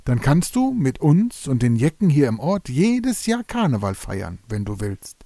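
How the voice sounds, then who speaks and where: A man voicing a gentle, ceremonious male carnival jester who welcomes a newcomer in a storybook tale. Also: mid-range voice, big pitch swings, measured pace, no room sound, clean studio sound. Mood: kindly. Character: warm, kindly male carnival jester spirit.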